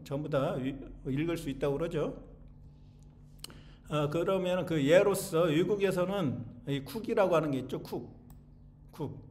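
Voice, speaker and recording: A man's voice: sits high, darkish tone. A man giving an informal spoken lecture, asking questions and answering them himself, with frequent "eh?" tags to the listeners. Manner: keeps tossing in rhetorical tags like "eh?" to the audience.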